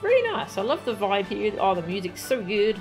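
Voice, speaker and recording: Very animated and brisk, a woman with a mid-range voice streams a video game live, chatting casually and getting delighted easily. Loud game music plays behind her.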